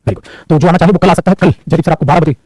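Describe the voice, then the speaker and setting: Speaking fast and on the high side, with a darkish tone, this young man runs a casual live online class where he jokes with, teases and scolds his students. He has a sore neck, and there's no room sound.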